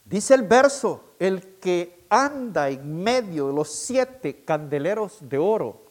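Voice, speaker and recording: Delivering a sermon, this male pastor has a high voice that rises and falls with lots of animation, and he is very animated overall. His pace is slow and deliberate, with each main point repeated so it sinks in. The emphasis never lets up.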